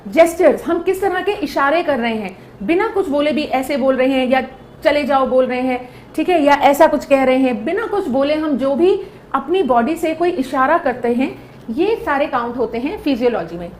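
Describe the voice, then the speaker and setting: High-voiced woman teaching a lesson. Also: animated, normal speed, darkish tone, reverberant, slight background noise. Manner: explaining with repeated check-ins. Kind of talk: lecture.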